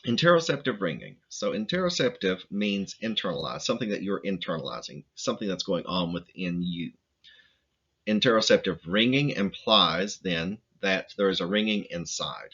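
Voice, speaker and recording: A man giving a recorded lecture presentation, speaking in a halting way with many restarts and fillers. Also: deep voice, lively intonation, fairly bright tone, husky, highs cut off.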